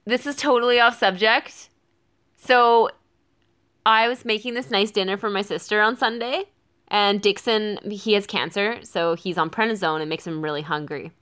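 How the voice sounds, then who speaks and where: A woman, co-hosting a casual chat and telling animated stories with lots of laughter. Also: mid-range voice, moderate pace, smooth. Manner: animated storyteller, laughs often, acts out voices. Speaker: podcast co-host.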